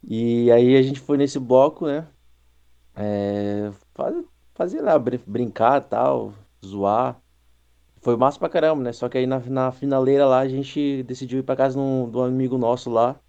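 A man telling a story in a halting way on a casual podcast. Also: medium pitch, warm tone, clean tone. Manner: halting, restarts a lot. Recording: dull lo-fi mic.

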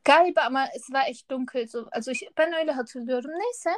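A woman's voice: sits high, quick pace. A young woman, co-hosting a podcast in casual chat and switching between two languages as she animatedly acts out little exchanges. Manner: animated storytelling, acting out quoted exchanges. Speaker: podcast co-host. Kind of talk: casual chat, anecdotes mixing Turkish and German.

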